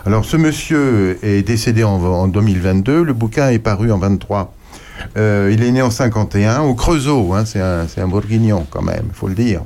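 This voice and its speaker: A man on a local radio show talks up a book with real enthusiasm. His speech is halting, full of fillers and restarts, and he slows down to read short passages aloud. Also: on the low side, animated, mellow. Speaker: radio co-host. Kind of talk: casual radio chat, reading aloud.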